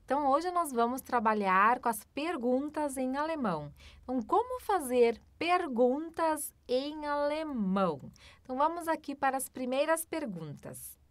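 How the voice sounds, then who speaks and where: A woman teaching German, slowing right down to model phrases and often checking in with the learner. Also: high-pitched, animated, dry recording. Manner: slow, drawn-out model phrases with frequent "tá?" and "né?" checks. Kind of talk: online language lesson.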